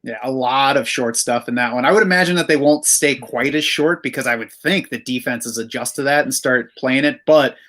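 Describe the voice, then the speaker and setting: Male podcast host, mid pitch, steady analytical chat. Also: fairly quick, hardly any pauses. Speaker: fantasy football analyst.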